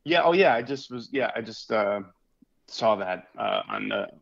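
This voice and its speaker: Gravelly laid-back podcast guy. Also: on the low side, animated, moderate pace. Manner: laid-back, laughs often, peppers talk with "dude" and "man". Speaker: podcast co-host. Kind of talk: casual chat. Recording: dull lo-fi sound.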